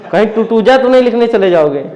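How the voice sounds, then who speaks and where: High-voiced male teacher, echoey classroom. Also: lively intonation, quick pace, crowd noise. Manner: questioning, checks understanding often. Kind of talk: classroom lesson.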